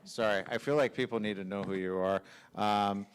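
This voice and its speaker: A man's voice: fairly low pitch, steady tone, moderate pace. A man hosting a conference off the cuff, informal and rambling as he moves between speakers. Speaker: conference host introducing speakers. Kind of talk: unscripted casual hosting.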